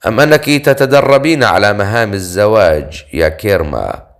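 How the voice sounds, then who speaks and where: A man's voice: lowish voice, lively intonation, moderate pace. A man voicing a cocky young male adventurer in an audiobook, with a mocking, teasing manner.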